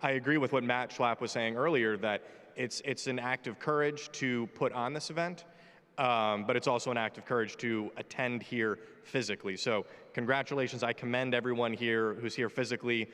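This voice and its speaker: This American panelist in his twenties is brash, jokey and full of opinions as he speaks from a big conference stage. His medium-pitched voice stays fairly even in intonation, runs at a moderate pace and has a fairly bright, smooth tone, with the hall's echo audible.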